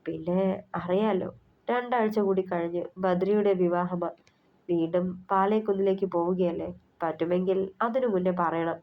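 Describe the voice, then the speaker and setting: A woman's voice: on the low side, steady tone, normal speed, lightly acted. A woman voicing an older mother who presses her family about a marriage proposal, in a persuasive, motherly way. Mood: urging. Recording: slightly muffled recording.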